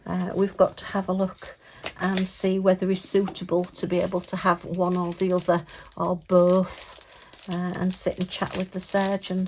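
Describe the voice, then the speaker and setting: At her desk in a home craft room, a middle-aged English craft vlogger sorts supplies, filmed by an overhead camera that shows only her hands. Slightly hoarse from losing her voice, she speaks at a fairly low pitch with a darkish tone, rambling with fillers and light laughs. The low-quality recording has a little hiss or hum.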